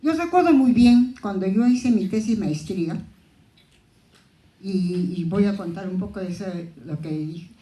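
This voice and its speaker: A woman's voice: mid-range voice, a little slow, warm tone, reverberant, poor audio. A woman from southern Ayacucho in Peru, a native Quechua speaker, giving a reflective, anecdotal conference talk. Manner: reflective, anecdotal, with frequent restarts. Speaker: panelist.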